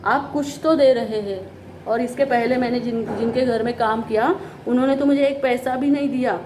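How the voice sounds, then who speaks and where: A woman's voice: on the high side, moderate pace, a little mellow, slight background noise, lightly acted. A woman teacher reading the part of a timid young maid who speaks meekly in a trembling voice. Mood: frightened. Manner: trembling, meek.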